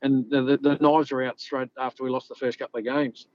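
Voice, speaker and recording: A man's voice: medium pitch, level tone, a little fast, a little mellow, no echo. A middle-aged Australian man, a former rugby league player, telling stories in a rambling, laid-back way. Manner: rambling, laid-back, lots of "you know". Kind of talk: casual interview storytelling. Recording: slightly dull lo-fi audio.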